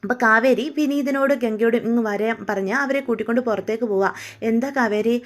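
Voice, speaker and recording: Woman storyteller, chatty, tossing in asides, voice a bit high. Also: fairly even intonation, fast. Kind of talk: casual story retelling.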